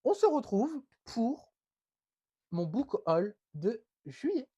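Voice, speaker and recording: A young adult book vlogger with a head cold talks through a stuffed nose in a casual book haul video, chatty and hesitant, with plenty of fillers. His voice is very high, very animated yet slow, mellow and breathy, captured in a dry, muffled recording.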